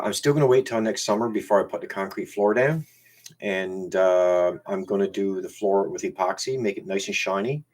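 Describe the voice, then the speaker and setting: Hosting a casual live stream on his YouTube channel, a low-voiced man from Newfoundland, Canada, with a strong local accent chats haltingly, often repeating words and starting over. His camera serves as the webcam microphone.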